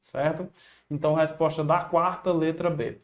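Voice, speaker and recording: A Brazilian man with a somewhat high voice teaches an exam-prep lesson. He talks in a casual, encouraging way, dropping slang as he walks through each answer. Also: fairly even intonation, normal speed. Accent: Brazilian Portuguese. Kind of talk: online video lesson.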